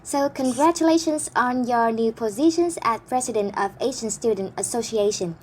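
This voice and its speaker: A woman's voice: fairly high pitch, normal speed, slight background noise. A woman interviewer who asks careful, formal questions.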